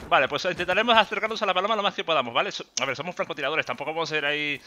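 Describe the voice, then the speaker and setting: Man, Spain Spanish accent, gameplay commentary, joking and swearing, slightly high voice, loud gunfire underneath. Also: very fast, slight background noise. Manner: excitable, joking, swears often. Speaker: gaming YouTuber. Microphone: desk USB microphone. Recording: loud game gunfire behind. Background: gunfire and explosions from the game.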